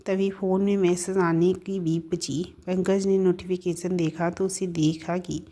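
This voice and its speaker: Female storyteller, lower pitch, steady scripted narration of a family drama. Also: a little slow. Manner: steady reading with occasional self-corrections.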